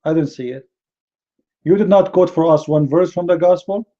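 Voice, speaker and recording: A man from the Middle East, speaking English as a second language with an Arabic accent, heatedly and indignantly rebuts a critic, often stumbling, repeating words and restarting. His voice is high and dark-toned at normal speed, with dull audio.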